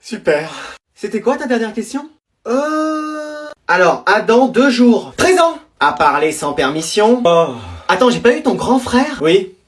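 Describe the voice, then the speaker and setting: A performer in short French comedy sketches, trading quick teasing dialogue among school and family characters. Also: mid-range voice, very animated.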